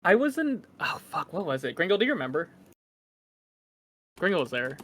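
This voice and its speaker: A man chatting casually on a livestream in an excitable, emphatic, sweary way. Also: high voice, fairly quick, slight background noise.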